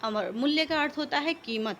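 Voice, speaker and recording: Woman teacher going word by word, patient, bright voice. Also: high-pitched, lively intonation, normal speed, a little hiss or hum. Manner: patient, methodical word-by-word explanation. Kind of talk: explaining Hindi vocabulary.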